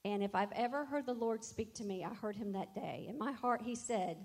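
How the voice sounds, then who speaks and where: A woman's voice: on the high side, brisk. A middle-aged woman, a worship leader, telling a personal faith testimony in an earnest, reflective way and quoting scripture.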